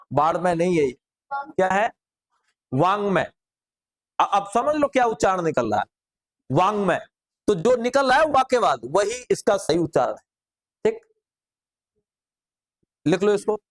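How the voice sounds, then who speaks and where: A middle-aged man teaching a grammar class, drilling students with repeated rhetorical questions. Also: high-pitched.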